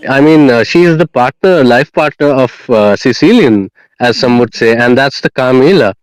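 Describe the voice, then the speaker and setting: A man casting an esports match, opening with energetic, hype-building introductions and then talking through the draft. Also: mid-range voice, moderate pace, smooth, dry recording, low-quality recording. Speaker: esports caster. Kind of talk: play-by-play esports commentary.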